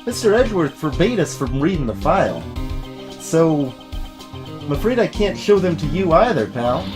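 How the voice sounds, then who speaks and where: A man acts out a friendly, scruffy police detective from a video game. He is blunt and folksy, with lively swings in pitch, and music plays behind him. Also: moderate pace. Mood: matter-of-fact. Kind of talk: voiced video game let's play.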